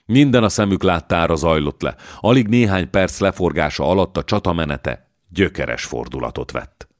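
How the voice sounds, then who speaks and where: Deep-voiced male audiobook narrator. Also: expressive, no room sound, clean studio sound. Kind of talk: scripted narration.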